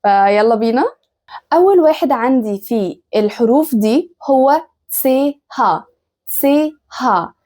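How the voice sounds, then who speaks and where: A woman with an Egyptian Arabic accent teaching German pronunciation in a casual style, drawing out the example sounds slowly. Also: on the high side, lively intonation, dark tone.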